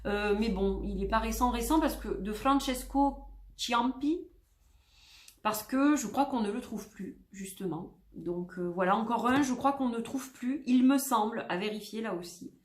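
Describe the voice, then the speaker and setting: A woman's voice: a little high, moderate pace, echoey room. A woman with a French accent chatting casually as she shows her tarot decks, rambling with many fillers and self-corrections. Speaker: tarot vlogger.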